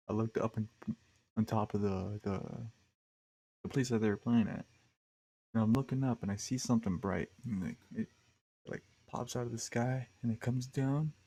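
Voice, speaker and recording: A young man on a podcast, talking in a loose, rambling way, full of slang and fillers. His voice sits fairly low, with a gravelly edge and a dark, mellow tone. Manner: rambling, slangy, laid-back with frequent fillers. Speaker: podcast host. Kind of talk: casual storytelling monologue.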